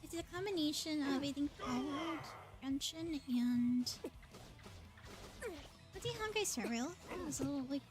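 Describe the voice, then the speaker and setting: A woman with a high, slightly slow voice livestreams a video game. She gives easygoing commentary in short spurts of thinking aloud, and music plays underneath.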